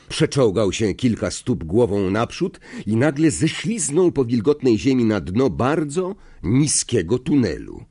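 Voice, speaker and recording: Husky, expressive male audiobook narrator. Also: fairly low pitch. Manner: expressive, suspenseful.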